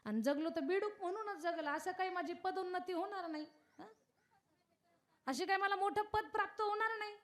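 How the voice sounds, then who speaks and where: A woman's voice: very high voice, brisk. A woman doing a pleading, selfless male frog. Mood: anguished resolve. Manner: pleading, earnest. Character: brave pitiful male frog, anxious and selfless.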